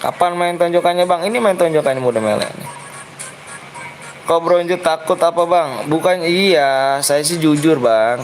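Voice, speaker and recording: A man with a Jakarta Betawi accent streaming a game, talking quickly and repeating himself as he coaxes other players. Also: fairly high pitch, slight background noise, poor audio. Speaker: streamer running a custom game room. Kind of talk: live game stream chat. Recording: music playing behind.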